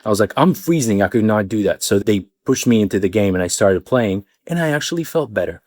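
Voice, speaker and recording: A man's voice: a little fast, no echo, studio quality. A young man with an Arabic accent, originally from an Arabic-speaking country, telling a personal story in a casual monologue and acting out the people in it. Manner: animated, acts out quoted people with rising pitch. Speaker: vlogger.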